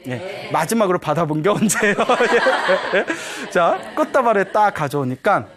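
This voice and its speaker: A man preaching as a Buddhist monk, telling a story to a live audience. His voice sits high and swings up and down a great deal. He keeps checking in with his listeners through short, quick questions. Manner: animated storytelling, prodding the audience with "예?". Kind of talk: dharma talk to a live audience.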